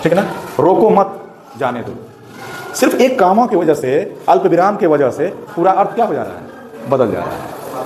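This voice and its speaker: Guy teaching hindi grammar, kinda high voice, keeps checking if you got it, echoey room. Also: a little mellow, slight background noise. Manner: explanatory, repeatedly checks understanding with "ठीक ना". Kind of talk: explaining lesson to students.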